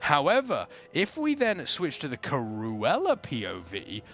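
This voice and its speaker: Playful stream caster, super animated, drags out the big announcements, music behind. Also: medium pitch, unhurried. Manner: playful hype-caller, stretches out announcements. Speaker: livestream co-host and esports caster. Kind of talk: excited live stream hosting and commentary.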